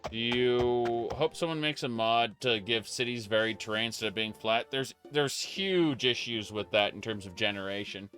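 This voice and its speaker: A man's voice: medium pitch, moderate pace, hardly any pauses, fairly bright tone, soft background music. A man giving casual, rambling commentary over a role-playing game, with many fillers, restarts and laughs at his own jokes. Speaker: let's play host.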